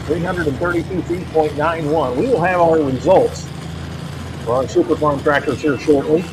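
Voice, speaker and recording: A man's voice: on the high side, moderate pace. A man working as a tractor pull announcer, calling results to a crowd outdoors and drawing out numbers and names with repetition. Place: outdoors at a county fair track. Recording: loud engine noise, outdoor fairground.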